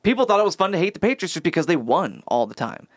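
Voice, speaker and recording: Male podcast co-host, quick to argue and joke, slightly high voice, dry close mic. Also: no echo. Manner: animated, joking, quick to argue. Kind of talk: casual chat.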